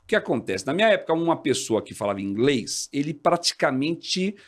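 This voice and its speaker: A man in his forties, a fire department officer, talking as an interview guest in an animated, explanatory way. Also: a little fast. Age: 40s. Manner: animated, explanatory, jumps high when quoting others. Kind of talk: casual interview talk.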